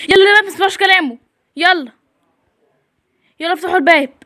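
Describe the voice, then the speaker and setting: A girl with an Egyptian accent voicing a calm, protective mother in a soothing, gently commanding tone. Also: extremely high pitch, racing. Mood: reassuring.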